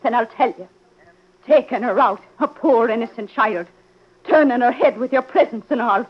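A woman's voice: on the high side, normal speed, breathy edge. A woman playing a bitter, grieving, accusing mother in melodramatic, vehement old radio drama style. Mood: bitter accusation. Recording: dull old radio recording.

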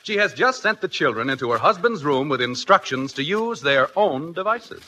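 A man's voice: on the high side, big pitch swings, moderate pace, sharp tone. A man as an announcer delivering scripted comic narration for an old-time radio show. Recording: noisy vintage radio recording.

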